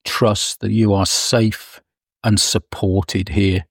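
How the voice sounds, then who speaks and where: A man leading a guided meditation, speaking softly and soothingly with long pauses. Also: on the low side, level tone, creaky, slightly rough, no room sound, studio quality. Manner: slow, soft, soothing delivery with long pauses.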